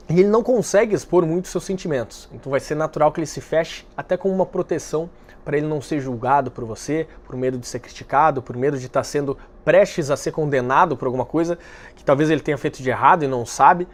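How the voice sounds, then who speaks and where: A man hosting a dating-advice video, speaking calmly and directly to the viewer, explaining step by step. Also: a little high. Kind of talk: direct-to-camera advice talk.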